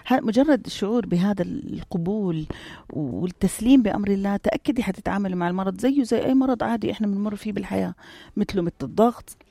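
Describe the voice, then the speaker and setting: A woman's voice: mid-range voice, quick pace, vocal fry, dark tone, dry recording. A middle-aged woman, an interview guest earnestly and emphatically telling her personal story. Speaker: interview guest, cancer survivor.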